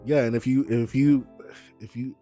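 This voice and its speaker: A man hosting a live stream, chatting casually, animated and argumentative, often repeating himself. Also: mid-range voice, normal speed, soft background music. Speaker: streamer host.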